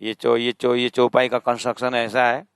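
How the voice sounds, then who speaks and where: A middle-aged man with a Gujarati accent teaching a scripture class. He speaks slowly, repeats verse lines, and leans on stress and pauses to show how the meaning shifts. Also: medium pitch, monotone, gravelly, smooth, no echo.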